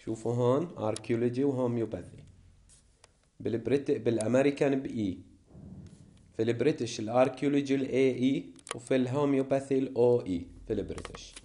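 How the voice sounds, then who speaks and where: A male English teacher with a Levantine Arabic accent explains vocabulary during a classroom lesson, reading word lists slowly and deliberately. His voice is medium in pitch with a dark tone.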